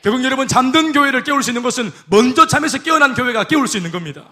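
High-voiced pastor preaching. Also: male voice, lively intonation, very fast, sharp tone. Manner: call-and-response preaching, repeated amens and hallelujahs. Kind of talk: sermon. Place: church sanctuary.

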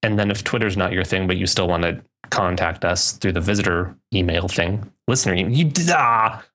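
A man's voice: low-pitched, moderate pace, fairly bright tone. A young man co-hosting a podcast in casual, rambling chat, often restarting his sentences. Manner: rambling, self-correcting, loose. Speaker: podcast co-host.

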